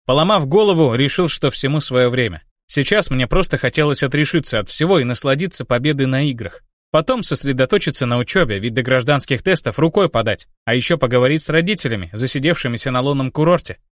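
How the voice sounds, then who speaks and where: A man narrating a first-person audiobook in a steady storytelling manner. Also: mid-range voice, fast, few pauses, no room sound, studio quality.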